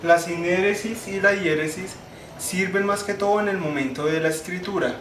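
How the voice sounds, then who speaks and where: A young man giving a class presentation, explaining step by step, restarting phrases and slowing down to spell out syllables. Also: sits high, a bit bright. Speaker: student presenter. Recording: echoey room, faint ambient noise.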